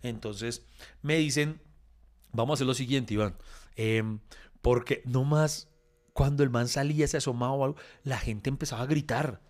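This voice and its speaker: A middle-aged man with a Colombian accent, co-hosting a podcast and telling a long story in a casual, animated way. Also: medium pitch, normal speed. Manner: animated storyteller, acts out quoted voices. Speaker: podcast co-host.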